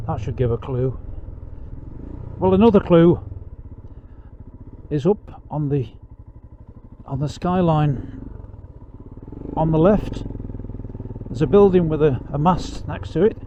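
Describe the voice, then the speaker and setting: A man gives casual, chatty, unhurried travel commentary like a tour guide while riding a motorcycle, his voice enclosed in a helmet. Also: a little high. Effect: muffled inside a motorcycle helmet. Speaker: motorcycle vlogger giving a ride tour. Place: outdoors, riding a motorcycle on country roads. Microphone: microphone inside a helmet. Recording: dull helmet-mic sound with engine and wind noise. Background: motorcycle engine and road noise.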